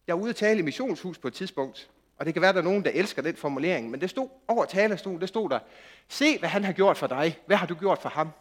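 A man preaching a sermon, moving from quiet, intimate passages to loud, impassioned outbursts. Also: sits high. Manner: animated, swings from quiet intimacy to loud shouting.

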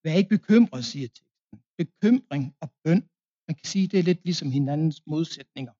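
A man's voice: a little high, animated, warm tone, lo-fi sound. A man preaching a confirmation sermon in a Danish accent, telling a plain story with fillers and restarts.

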